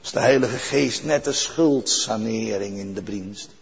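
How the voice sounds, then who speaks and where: A man's voice: on the low side, unhurried, a little hiss or hum. An older man preaching a sermon in an earnest way, repeating key phrases for weight. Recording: dull recording with long church reverb.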